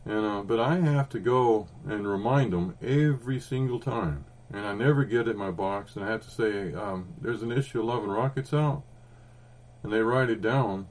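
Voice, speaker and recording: A man in his fifties with an Oklahoma accent co-hosts a podcast, chatting casually about comics and rambling with ums and restarts. His voice is on the low side and darkish, at a normal speed.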